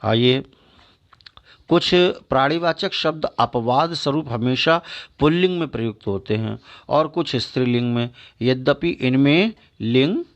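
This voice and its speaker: A man teaching a school grammar lesson, slowly listing example words and checking understanding as he goes. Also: mid-range voice. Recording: dull lo-fi recording.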